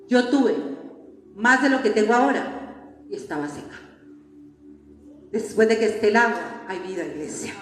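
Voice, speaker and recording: A woman's voice: fairly high pitch, fairly bright tone. Woman preaching in an echoey hall. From Colombia. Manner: questioning the congregation, rhetorical repetition. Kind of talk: sermon. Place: church hall. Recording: echoey church hall with long reverb.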